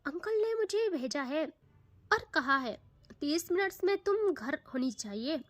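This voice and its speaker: A woman's voice: sits high, animated, measured pace, no room sound. A woman voicing a bossy, jealous young man who speaks in an insistent, irritated way.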